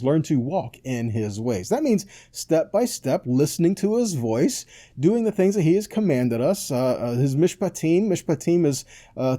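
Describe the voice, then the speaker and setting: In a conversational Bible-teaching style, a man preaches with a warm, medium-pitched voice. He is emphatic and didactic, often asking his listeners questions and checking that they follow along as he teaches scripture.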